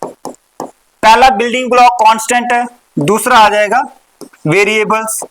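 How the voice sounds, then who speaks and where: A woman teaching a maths lesson. She asks questions, answers them herself, repeats key words and slows down on the important terms. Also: fairly high pitch, steady tone, slight background noise, poor audio. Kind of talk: recorded classroom lesson.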